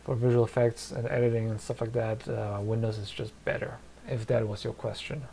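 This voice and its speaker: Sitting at his desk in a small home studio, a German streamer with a German and Polish accent answers his live chat casually, thinking out loud and using many fillers. He speaks a little fast at an ordinary pitch, his voice warm and level with a gravelly, creaky edge. A faint hiss runs in the background.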